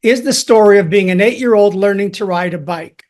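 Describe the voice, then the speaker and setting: A man from Chicago hosting a podcast interview, talking in an enthusiastic, reflective way with thoughtful pauses. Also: high-pitched, a little mellow. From Chicago, USA. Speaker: podcast host. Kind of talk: conversational interview.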